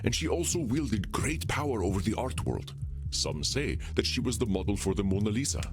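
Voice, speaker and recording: An actor playing a calm, wise vampire mentor in a video game, speaking in a formal, reassuring, measured way over music. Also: male voice, lowish voice. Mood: calm, encouraging.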